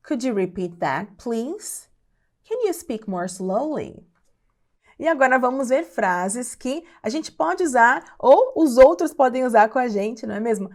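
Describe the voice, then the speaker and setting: A Brazilian woman teaching an online English lesson in a fairly high voice. She speaks slowly and carefully and repeats each phrase syllable by syllable. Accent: Brazilian Portuguese.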